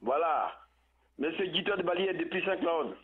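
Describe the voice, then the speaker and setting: A man calling in over a poor phone connection, giving political commentary in a halting way and repeating words as he searches for them. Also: a little high, lively intonation. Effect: tinny phone line with poor connection. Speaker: phone-in caller. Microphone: telephone. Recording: tinny phone line.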